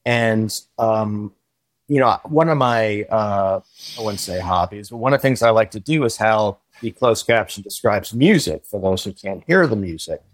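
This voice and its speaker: A man's voice: fairly low pitch, animated, moderate pace, no room sound. A man chatting as a guest on a podcast, eagerly sharing film trivia. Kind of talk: casual podcast chat.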